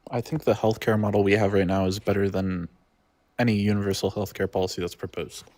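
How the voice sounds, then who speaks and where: A man's voice: lowish voice, flat delivery, quick pace, a little mellow. A man calling in over a video call that lags, debating casually and hesitantly with many "like" fillers. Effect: heard over a lagging video call. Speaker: caller debating the host.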